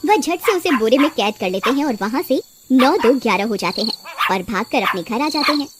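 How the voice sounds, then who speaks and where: A woman's voice: a little high, expressive, brisk, heavy background noise. A woman reading scripted children's story narration as a storyteller.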